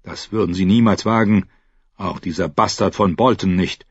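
A man voicing a steady knight who speaks calmly and wryly. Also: sits low, moderate pace, slightly rough, dry recording, highs cut off. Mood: stern. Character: steady, dry-humored knight.

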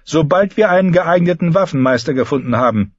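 A man's voice: fairly high pitch, expressive, a little fast, no echo, highs cut off, pitched above the performer's own voice. A man playing an imperious queen mother. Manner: commanding, cutting, condescending.

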